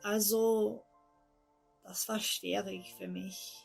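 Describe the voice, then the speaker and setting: Slow, gravelly young Englishwoman. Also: mid-range voice, level tone, faint music behind. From England. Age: 20s. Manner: slow, halting, careful speech with pauses. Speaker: testimony speaker. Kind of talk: recorded personal testimony.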